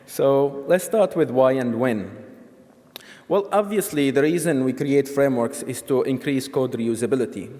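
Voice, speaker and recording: A man's voice: mid-range voice, dark tone. Man from Syria, conference speaker, explanatory, frequent ums and restarts, big reverberant hall. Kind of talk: technical conference talk.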